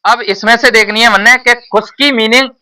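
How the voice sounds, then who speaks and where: A male tuition teacher walks a class through an exam paper, repeating each point and tossing questions back at the pupils. His voice is bright and forward. It is caught from a distance in the classroom, so it sounds a little far from the mic. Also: very high-pitched, fairly even intonation, normal speed. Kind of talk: classroom exam-prep lesson.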